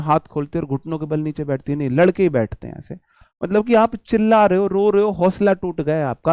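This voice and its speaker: A man teaching English idioms to exam students in casual Hinglish, with an Indian English accent. He slows right down to spell out each English phrase and calls his students "my brother.". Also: high voice, darkish tone, no room sound. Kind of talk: casual live vocabulary lesson.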